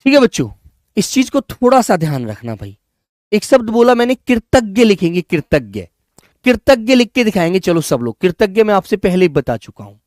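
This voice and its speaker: A man teaching a Hindi spelling class online, coaxing students and repeating words slowly. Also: sits high, very animated, darkish tone, no echo, clean studio sound.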